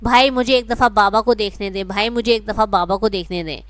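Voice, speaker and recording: A woman's voice: medium pitch, no room sound, natural voice. A woman voicing a desperate young bride who pleads through tears, in a read-aloud story. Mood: pleading.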